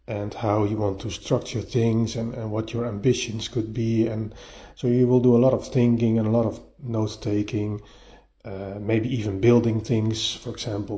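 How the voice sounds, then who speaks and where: A man with a mellow voice hosts his solo podcast. He talks straight into his phone's voice-note app, so the sound is dull and lo-fi, with a little room echo from a half-furnished bedroom. He speaks haltingly and often repeats words as he restarts. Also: fairly low pitch. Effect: voice recorded on a phone. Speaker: podcast host. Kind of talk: casual solo podcast monologue. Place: partly furnished bedroom, a bit echoey. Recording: lo-fi phone recording, echoey room.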